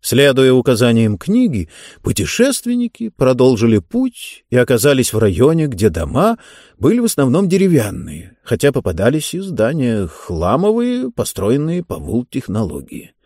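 A male audiobook narrator with a warm, mellow voice that swings widely and vividly in pitch. He reads expressively, close to the mic. The recording is dry, with no room sound. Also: huge pitch swings, normal speed, no echo. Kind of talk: scripted narration.

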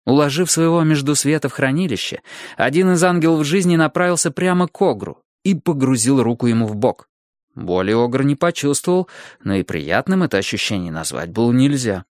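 Male audiobook narrator, steady and expressive, mid pitch, dry close recording. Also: brisk, dry recording. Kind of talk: scripted narration.

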